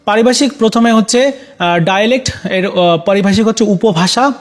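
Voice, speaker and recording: A man with a notably high voice walks students through exam answers. He talks to them directly and leans on frequent filler pauses between items. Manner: hesitant, many fillers. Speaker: teacher.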